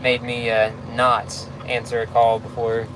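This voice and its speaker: Over clear vehicle noise, a man talks casually as if to a livestream audience, answering questions. His delivery is laid-back and halting, at a medium pitch. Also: monotone. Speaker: tow truck driver livestreaming.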